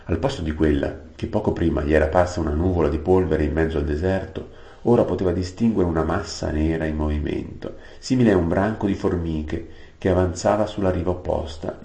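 A man narrating a storybook aloud, unhurried, adding plain-word glosses. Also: deep voice, steady tone, warm tone. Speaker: audiobook reader. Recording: roomy echo.

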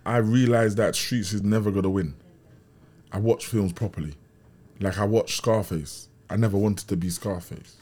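A man's voice on the low side, at normal speed and a little mellow. He's from Brixton, south London, and tells stories casually as an interview guest, his South London accent laced with street slang as he keeps checking that he's followed.

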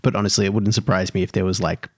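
A man's voice: low voice, little pitch movement, rapid-fire, a little mellow, no echo, studio quality. A man as game master, explaining rules in casual, filler-heavy chat.

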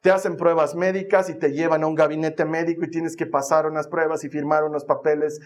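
Male pastor, high voice, storytelling sermon with emphatic repeats. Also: little pitch movement, fairly quick. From Bolivia.

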